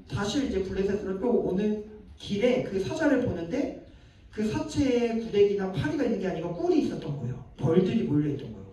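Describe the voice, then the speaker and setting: This pastor's voice is high and mellow as he preaches conversationally to a young adults group. He poses questions to them and performs the lines he quotes. The recording comes from a distance in a room with noticeable echo.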